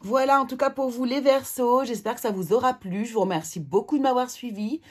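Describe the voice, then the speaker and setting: Brief: female tarot reader, slightly husky tone, calm, measured reading with some hesitation. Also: a little high. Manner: calm reading of card messages with hesitant fillers.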